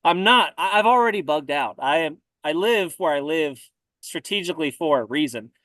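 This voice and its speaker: A man talking casually about survival gear, relaxed and often repeating words as he thinks. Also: fairly high pitch, moderate pace, no room sound. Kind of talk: casual conversation.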